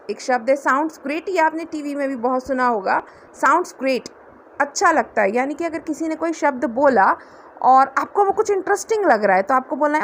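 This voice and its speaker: Woman tutor, high voice, patient step-by-step explainer, light background hiss. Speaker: English tutor. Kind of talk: spoken English lesson.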